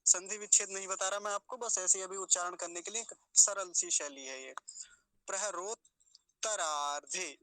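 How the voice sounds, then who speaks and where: A man teaching careful pronunciation, breaking words into syllables and repeating each one slowly. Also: sits high, sharp tone, clean tone, no room sound, poor audio. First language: Hindi. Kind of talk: explanatory pronunciation lesson.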